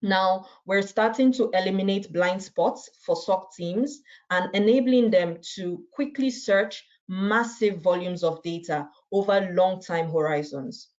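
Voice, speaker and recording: A woman's voice: medium pitch, unhurried, few pauses, a little mellow. A woman presenting a webinar on a video call, chatting through a product demo and often tagging her sentences with "right?". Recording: dull, muffled video call audio.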